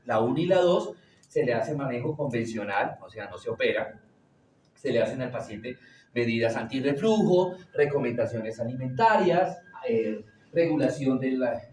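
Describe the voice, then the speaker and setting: A man's voice: medium pitch, darkish tone, slight background noise. A man teaching a classroom lecture, asking the class questions and answering them himself. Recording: roomy echo, distant from the mic.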